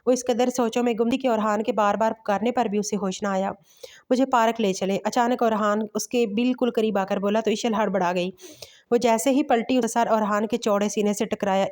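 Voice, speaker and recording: A woman storyteller narrating a romantic novel in steady bedtime-story reading. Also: medium pitch.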